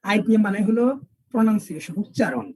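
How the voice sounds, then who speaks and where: A male English teacher, lecturing an online class and spelling words out slowly with repeated examples. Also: high voice, animated, a little mellow, no room sound, low-quality recording.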